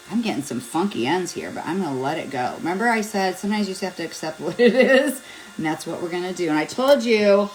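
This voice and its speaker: Chatty, self-deprecating woman with a low voice. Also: slight background noise, low-quality recording. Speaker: beauty vlogger. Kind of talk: casual hair tutorial. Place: home, at a mirror.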